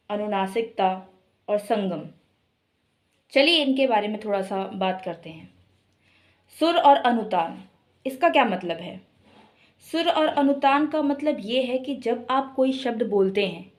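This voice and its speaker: A woman gives an online Hindi lesson in a voice set a little above the usual. She explains each point step by step and draws out example words slowly to show stress and tone. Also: a little high. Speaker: Hindi teacher. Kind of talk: online class lecture.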